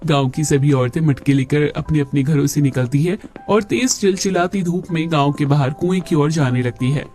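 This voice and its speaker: A man's voice: moderate pace, darkish tone, faint music behind. A man narrating a cartoon story and doing the voices of every figure. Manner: plays women and children by raising his pitch.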